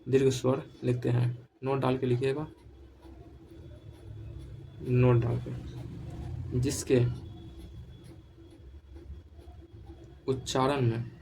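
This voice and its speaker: A man teaching a grammar lesson, dictating slowly and repeating each point so students can write it down. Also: medium pitch, gravelly, darkish tone, a little hiss or hum, low-quality recording.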